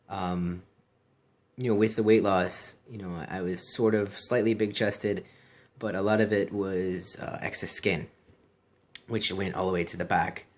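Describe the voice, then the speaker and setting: A man talking casually and earnestly in a personal vlog, repeating himself and often saying "you know". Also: lowish voice.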